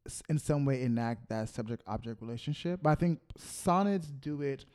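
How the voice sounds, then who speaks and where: A podcast co-host chatting casually, playful and animated. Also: medium pitch, normal speed, clean tone. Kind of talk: casual chat.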